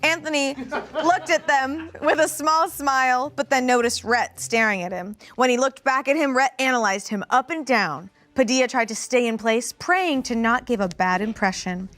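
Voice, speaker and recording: A woman's voice: high voice, moderate pace, fairly bright tone, no room sound. A woman narrating a fan-fiction story aloud for comedy, amused and often laughing.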